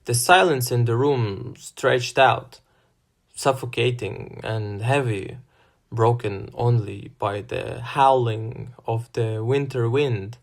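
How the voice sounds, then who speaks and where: A man reading a first-person fantasy novel as scripted narration in a measured manner. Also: medium pitch, creaky. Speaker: audiobook narrator.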